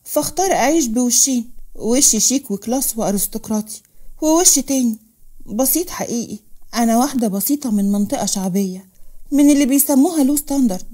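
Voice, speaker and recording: A woman voicing a lonely, reserved young woman in an Egyptian Arabic storybook reading, speaking in a soft, confiding way. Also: a little high, expressive, quick pace.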